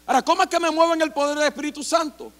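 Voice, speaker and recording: A middle-aged man preaching a sermon as pastor, impassioned and rising to shouts. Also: extremely high pitch, fairly even intonation, very fast. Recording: long hall reverb.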